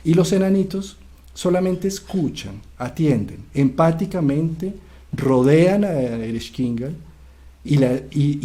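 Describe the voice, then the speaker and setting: A man, a psychiatrist, explaining a myth in an animated storytelling way, often checking in with his listener. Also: on the high side. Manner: animated retelling, frequent "¿sí?" checks. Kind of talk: lecture-style storytelling.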